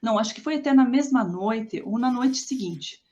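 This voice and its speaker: Brazilian woman, fairly high voice, rambling personal storytelling, muffled lo-fi recording. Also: lively intonation, normal speed, darkish tone. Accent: Brazilian Portuguese. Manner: rambling, frequent "né?" tags and restarts. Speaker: storyteller recounting her past. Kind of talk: personal life-story telling.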